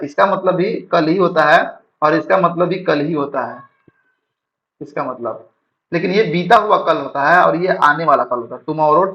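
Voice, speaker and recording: Guy teaching grammar at a board, a bit high voice, dull lo-fi sound, keeps asking "right?". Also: a bit bright. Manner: explains slowly, reads English sentences word by word, checks with "है ना?". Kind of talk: classroom-style grammar lesson. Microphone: writing on a board while talking.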